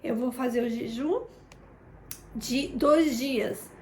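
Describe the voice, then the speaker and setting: A woman's voice: sits high, slow, a little hiss or hum. A woman giving a chatty prayer testimony, often turning to her listeners and acting out past conversations. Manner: chatty, keeps addressing listeners, re-enacts conversations. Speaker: intercessor sharing a testimony. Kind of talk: informal testimony in a prayer broadcast. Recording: roomy echo.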